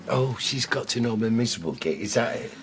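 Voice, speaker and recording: An actor playing a gruff, blunt father in a TV drama who mocks himself. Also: mid-range voice, expressive, a little fast, fairly bright tone, a little hiss or hum, close to an everyday voice. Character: gruff middle-aged father, blunt and self-mocking. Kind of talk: TV soap drama.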